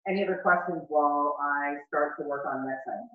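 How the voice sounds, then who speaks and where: A man talks his way through a casual cooking demo with a rambling, self-deprecating chattiness. His voice sits at an ordinary pitch. It comes from across a home kitchen, echoey and thin as a phone line. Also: fairly quick. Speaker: chef hosting a live online cooking demo. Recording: echoey, distant, phone-like audio.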